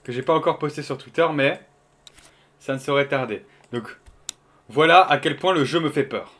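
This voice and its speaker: A young man chats with his viewers while he plays, in a voice pitched slightly high. He swears freely, trails off into fillers and jumps between excitement and rambling. A faint noise floor sits under his voice. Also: normal speed. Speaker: streamer. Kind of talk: casual gameplay commentary to chat.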